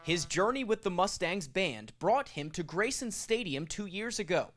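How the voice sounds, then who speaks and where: A male sports reporter giving scripted news narration with a lively storytelling delivery. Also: high voice, moderate pace.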